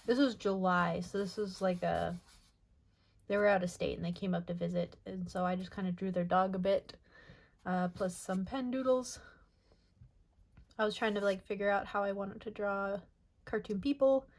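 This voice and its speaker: Young woman chatting thru her sketchbook, mid pitch, lots of ums, soft and rambly. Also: fairly even intonation, normal speed. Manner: soft, rambling, many ums and self-corrections. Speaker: artist showing her sketchbook. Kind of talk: casual voice-over narration.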